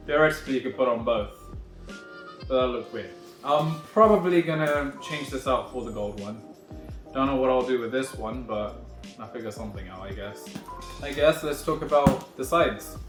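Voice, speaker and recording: A man's voice: mid-range voice, a bit bright. Man filming himself on a phone, echoey room. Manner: rambling, wry, self-correcting. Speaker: vlogger unboxing a backpack. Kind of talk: casual unboxing walkthrough. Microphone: phone recording himself. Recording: echoey room on a phone mic, faint music behind.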